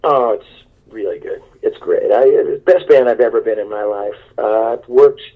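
A man's voice: lowish voice, moderate pace, phone-quality sound. A man, a guest musician, talking in a rambling, enthusiastic and self-deprecating way over a speakerphone line during a phone interview. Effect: heard over a speakerphone line.

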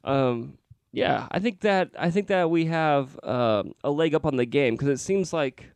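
Male comedy co-host, casual improvised banter, gravelly edge. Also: on the high side, animated, unhurried, darkish tone, no echo.

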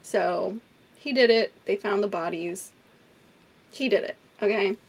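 A woman co-hosting a casual true crime podcast, telling the story in an animated way, swearing and laughing often. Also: medium pitch, measured pace, gravelly, slightly rough.

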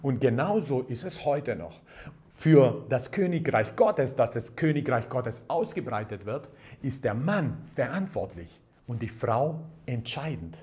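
A man's voice: mid-range voice, sing-song, measured pace, a little mellow. Male preacher, sermon delivery, emphatic and repetitive, hallelujahs and amens. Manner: emphatic, repeats key phrases, calls out hallelujah and amen.

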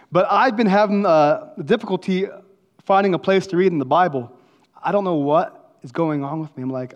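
A male preacher with a slightly higher-pitched voice delivers a motivational sermon. He keeps it informal and folksy, leaning on repeated key words. He often puts questions straight to his listeners and calls for a response. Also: lo-fi sound. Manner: emphatic repetition of key words.

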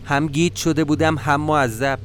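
A man narrating a first-person story for a podcast in a calm, measured, matter-of-fact way. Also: a little high, faint music behind.

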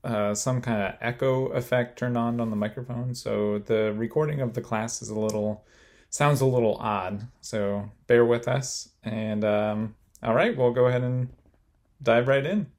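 A man giving a casual, slightly halting introduction to a recorded Bible study as one of its hosts. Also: mid-range voice, a little mellow.

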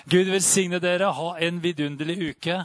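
A man preaching a charismatic sermon, fervent and full of amens and hallelujahs, rising to loud exclamations and dropping to quiet reflection. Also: high-pitched, steady tone, dry recording, studio quality. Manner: peppers speech with amen and hallelujah.

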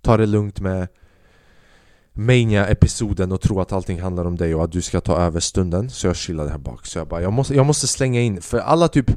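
Animated young man, dry close sound. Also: deep voice, dry recording. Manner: animated, self-mocking, swears freely, mixes in English phrases. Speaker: podcast host. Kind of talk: casual storytelling monologue.

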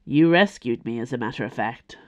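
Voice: mid-range voice, lively intonation, fairly quick, muffled recording, lightly acted. A storyteller voicing a weary, blunt man who speaks with dry understatement.

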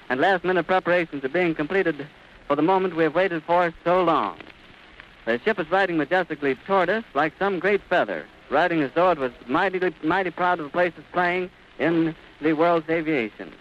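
A man's voice: on the high side, a bit bright. A man reporting live as a radio commentator outdoors at an airfield, in a vivid, descriptive old-time announcer delivery. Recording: muffled noisy 1930s archive recording.

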